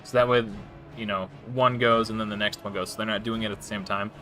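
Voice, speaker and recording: A man's voice: on the low side, steady tone, fast, sharp tone, faint music behind. A man streaming live and casually commenting on his gameplay, rambling with frequent restarts and self-corrections. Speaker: game streamer.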